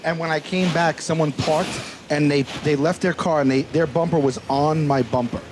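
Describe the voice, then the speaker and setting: A man telling excitable stories in a casual chat, acting out what people said and swearing. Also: a little high, moderate pace. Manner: excitable storyteller, acts out quotes, swears. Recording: noisy background.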